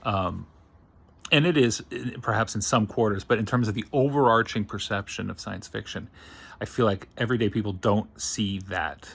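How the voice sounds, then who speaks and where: A science fiction writer thinking aloud in a casual, digressive monologue. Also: male voice, fairly low pitch, moderate pace, vocal fry, fairly bright tone, breathy edge.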